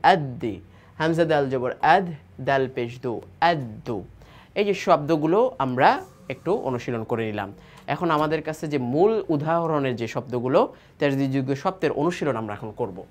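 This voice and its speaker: A teacher with a Bangladeshi Bengali accent, patiently spelling out Arabic syllables in a Quran reading lesson. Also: mid-range voice. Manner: patient, slow, syllable-by-syllable drilling.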